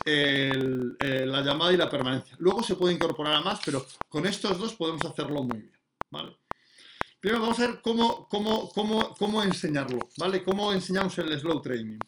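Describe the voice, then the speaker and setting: A man teaching dog training in a casual, explanatory way, with many fillers and restarts. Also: on the high side. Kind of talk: casual spoken lesson. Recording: noticeable background noise.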